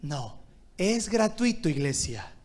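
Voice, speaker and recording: A man preaching a sermon as pastor, calling on the congregation to answer and swinging between loud exhortation and quiet asides. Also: sits high, very animated, slow pace. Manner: calls on the congregation to answer aloud.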